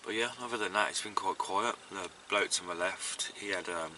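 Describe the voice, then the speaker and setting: This lakeside fishing vlogger has a low-pitched voice and a moderate pace, with slight background noise around him. He speaks casually to the camera, relaxed and rambling with many fillers, sounding tired and congested.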